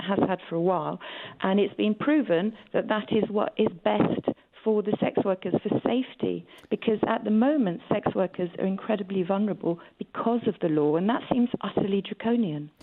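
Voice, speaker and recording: Speaking briskly in a mid-range voice, a woman appears as a campaigning guest on a radio interview, stressing key words emphatically as she advocates. The sound has a phone-like quality.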